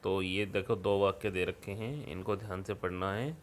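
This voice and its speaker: A man's voice: deep voice, steady tone, moderate pace, a little hiss or hum. A man teaching schoolchildren through a worksheet, explaining patiently and often checking in with the class. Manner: patient, repeats words and fills with "ठीक है". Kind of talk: worksheet lesson explanation for children.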